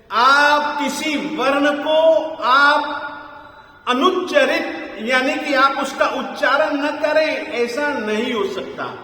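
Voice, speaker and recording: A man teaching pronunciation in a slow classroom lesson, spelling words out letter by letter. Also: extremely high pitch, pushed and bright. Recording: very echoey hall with long reverb.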